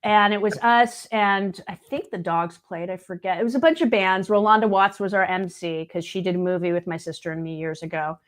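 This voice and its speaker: Talking fairly quickly with barely a pause, a woman in her late fifties uses a mid-range, fairly even voice. As a guest singer and video editor, she chats and tells anecdotes, performing what other people said.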